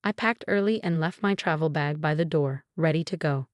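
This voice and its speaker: A woman narrating a first-person story in a calm, even way, her voice set fairly low. The recording is dry and close, with no room sound. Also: moderate pace, no room sound.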